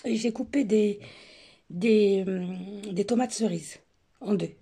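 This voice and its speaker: Hoarse lady walking thru her buffet food, mellow husky voice, lots of euh and pauses. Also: medium pitch. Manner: chatty, hesitant with many fillers. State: hoarse, sore throat. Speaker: home cooking vlogger. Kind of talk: casual cooking and decor walkthrough.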